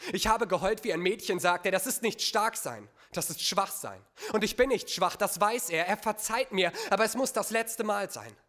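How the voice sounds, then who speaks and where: A man on stage performing a spoken-word slam poem, dramatic, swinging between hushed lines and loud bursts. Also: high voice.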